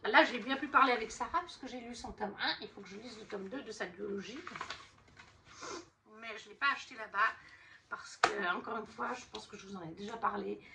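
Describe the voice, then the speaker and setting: A woman's voice: mid-range voice, fairly quick, vocal fry, pushed and bright, far from the mic, a little hiss or hum. A woman chatting casually about her books as a vlogger, rambling with fillers and restarts. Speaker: book vlogger. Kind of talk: casual chat.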